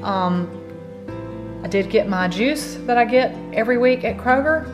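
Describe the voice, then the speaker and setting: A woman's voice: on the high side, lively intonation, unhurried, over music. Chatty middle-aged woman vlogging. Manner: chatty, thrifty, talks through prices and plans. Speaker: cooking channel host. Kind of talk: casual vlog chat. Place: parked car.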